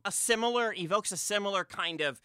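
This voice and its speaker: A man's voice: high-pitched, a little fast, smooth, no echo, clean studio sound. A man co-hosting a podcast, talking casually about a film with lots of fillers and restarts. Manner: animated, filler-heavy, frequent restarts. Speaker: podcast co-host.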